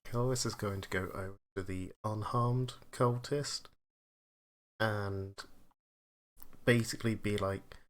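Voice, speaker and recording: A man's voice: on the low side, fairly even intonation, takes it slowly, long pauses, slight background noise. A man playing a tabletop game, pointing out rules and speaking for his character. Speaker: player.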